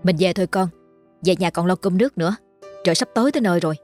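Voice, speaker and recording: A woman voicing a poor woman tenant farmer in her forties who speaks humbly and pleads quickly. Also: lowish voice, darkish tone, faint music behind, natural voice. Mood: gentle.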